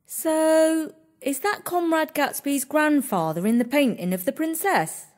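A narrator voicing a bossy, bad-tempered elder sister who scolds and domineers in a shrill, high voice. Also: a little slow. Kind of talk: storybook character voice.

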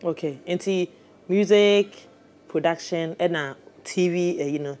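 A Ghanaian interview host with a mid-range voice who asks teasing, probing questions in relaxed conversation. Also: medium pitch, slow. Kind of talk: casual interview chat.

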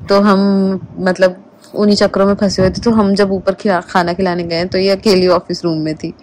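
A woman's voice: mid-range voice, flat delivery, normal speed, darkish tone. A woman vlogging at home, gushing over her dog in baby talk and then chatting to viewers. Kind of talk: casual home vlog chat.

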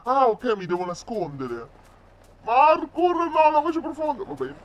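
A woman speaking through a deep voice changer, reacting in panic to a game. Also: big pitch swings, unhurried, a little hiss or hum. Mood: dragged.

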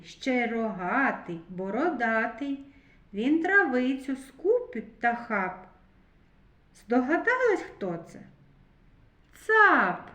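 A woman teaching a recorded literacy lesson to preschoolers, speaking slowly and clearly and drawing out words syllable by syllable. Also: on the high side, reverberant. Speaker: kindergarten teacher.

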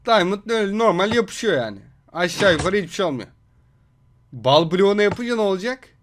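A young man giving casual, excitable reaction commentary on gaming videos, exclaiming and joking in mock outrage. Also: high-pitched, a little fast, slight background noise.

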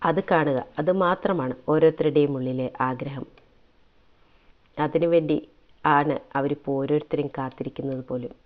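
A man's voice: on the high side, steady tone, normal speed. Brief: a man reading a serialized family story with feeling, lo-fi phone-like audio. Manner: emotive, reflective narration.

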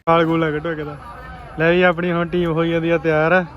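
High-voiced Malwa Punjabi man, noisy recording. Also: flat delivery, fairly quick, dull audio. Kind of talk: casual vlog chat and banter. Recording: noisy car and outdoor recording.

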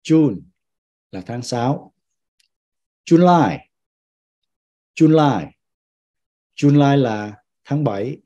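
Male teacher, native Vietnamese, mellow tone, drills each word and explains it. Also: medium pitch, expressive. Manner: repeats each English word slowly, then explains it. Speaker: pastor teaching citizenship class. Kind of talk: vocabulary lesson, teacher repeating words.

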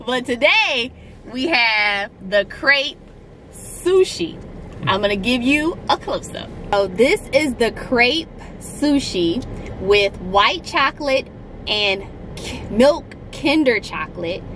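An enthusiastic woman co-hosting a casual food review, stretching her words out at an unhurried pace. Her voice sits a little high with a crisp, bright edge. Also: expressive, slight background noise. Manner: enthusiastic, drawn-out delivery. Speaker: food vlog co-host.

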